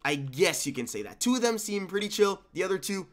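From home, a gaming YouTuber in his young adult years narrates his channel's content in a loose, conversational ramble full of restarts, his voice sounding sick. He speaks fairly quickly in a high pitch that swings widely.

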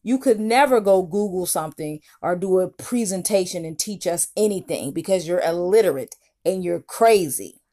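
A woman's voice: lowish voice, lively intonation, moderate pace, few pauses, dark tone. A woman YouTube commentator giving mocking reaction commentary, talking scornfully and lecturing.

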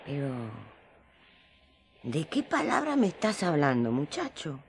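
Slow-spoken, humble old Mary. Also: female voice, low-pitched, sing-song, slight background noise, full character voice. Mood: wry, gentle. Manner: unhurried, homely, gently teasing. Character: Mary, elderly mother of Jesus, humble, wry, affectionate. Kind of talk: radio drama acting in colloquial Spanish.

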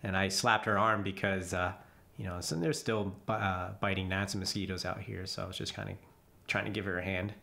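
A man tells his jungle memories as a relaxed voice-over, with a voice sitting a little low. He chuckles as he goes and often trips and restarts mid-sentence. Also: a little fast, creaky. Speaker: vlogger telling jungle memories. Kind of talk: casual storytelling voice-over. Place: voice-over, not recorded in the jungle.

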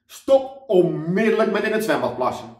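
A man voicing a bossy young woman lifeguard who yells orders at everyone. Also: high voice, expressive, normal speed, roomy sound, far from the mic, voice pushed up. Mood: shouting. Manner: yelling orders.

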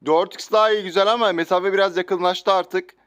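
A man's voice: high voice, fairly even intonation, fairly quick, a bit bright, smooth. A man giving live gameplay commentary as a gaming video host, taunting enemies and chatting to viewers. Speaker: gaming YouTuber.

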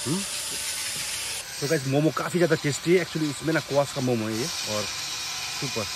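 Recorded on a helmet camera and a handheld selfie camera, a young adult man gives casual travel-vlog narration as a motorcycle vlogger on hill roads and at a roadside cafe. His medium-pitched voice moves at a moderate pace, tour-guide chatty and calling out to his viewers. Background noise includes music and passing vehicles.

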